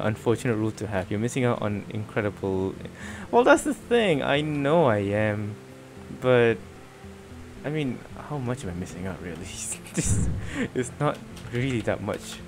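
A man's voice: fairly low pitch, expressive, measured pace, faint music behind. A man streaming a video game, chatting casually in a rambling way, stammering and laughing often. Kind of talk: casual let's-play chat.

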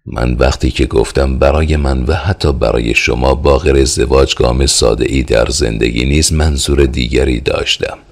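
A man reading the lines of a brooding young man, slow and doubtful, in an audiobook. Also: a bass voice, fairly even intonation, vocal fry, exaggerated voice. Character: young man, brooding and hesitant about marriage.

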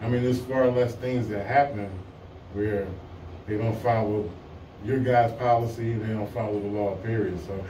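A man's voice: fairly low pitch, steady tone, normal speed, dark tone. A man talking casually as a citizen questioning police. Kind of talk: casual conversation. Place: small indoor police station lobby. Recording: echoey, noisy, distant lobby recording.

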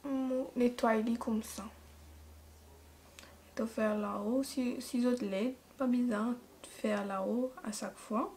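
A woman's voice: a little high, fairly even intonation, slow pace, darkish tone, slight background noise. A young woman with a Mauritian Creole accent, chatting casually through a makeup tutorial and improvising her words as she goes. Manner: chatty, improvised, laughs at her own mistakes. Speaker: beauty vlogger.

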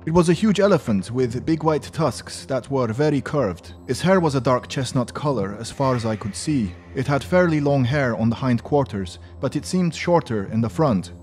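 A man voicing an excitable French witness with a put-on French accent, speaking in a raised, wondering way. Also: mid-range voice, normal speed, hardly any pauses, voice pushed up, natural voice. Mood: awed. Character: excitable adult French man recalling a sighting.

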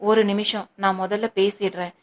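A woman reading a novel aloud, voicing a hurt young woman who pleads softly with her brother. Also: mid-range voice, level tone, normal speed, natural voice. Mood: pleading. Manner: pleading, soft, resentful.

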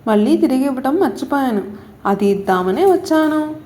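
A polite little schoolgirl speaks plainly and kindly in a storybook tale. A woman storyteller reads her lines in a high voice. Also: expressive, moderate pace, mellow. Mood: friendly. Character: friendly young schoolgirl friend.

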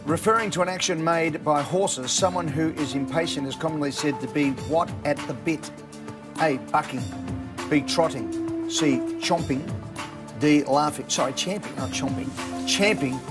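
A man's voice: fairly high pitch, normal speed. A middle-aged Australian man hosting a TV quiz show, chatty and joking with contestants. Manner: jokey, chatty, upbeat. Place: large TV studio with live audience. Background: show music and audience.

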